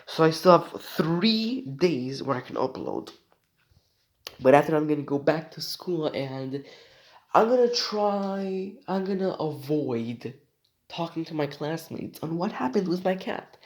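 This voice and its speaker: A teenage boy from Romania, Romanian by first language, rambles through a casual vlog while sick, full of jokes, slang, and false starts. His pitch is fairly high with lively intonation, and he talks a little slowly.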